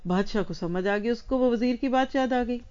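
A woman's voice: fairly high pitch, a little mellow, clear, resonant tone, muffled recording. A woman religious teacher giving a lesson to women, speaking earnestly and addressing her listeners directly.

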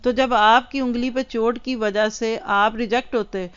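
A woman voicing a calm, wise minister of a king, speaking in a steady, reassuring way. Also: very high-pitched, clean tone, lo-fi sound. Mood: explaining.

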